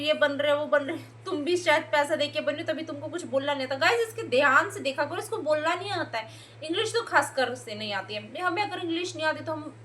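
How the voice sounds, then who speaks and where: A woman's voice: high-pitched, fairly bright tone, a little hiss or hum. A young woman ranting in a heated reaction video, scolding and sarcastic, mocking the people she criticizes. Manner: scolding, sarcastic, mocks others by mimicking them. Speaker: YouTube reaction commentator.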